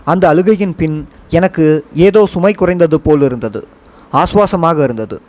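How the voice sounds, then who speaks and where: A man narrating a first-person memoir for an audiobook, his voice sitting a little above the usual male range. He reads in a measured, reflective way, steady and unhurried. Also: on the high side.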